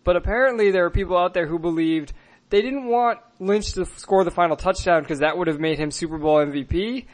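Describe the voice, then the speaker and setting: A man co-hosts a casual sports podcast with an earnest, animated delivery. His voice sits a little higher than most men's. He talks through the game with plain feeling. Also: a little fast. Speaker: podcast co-host.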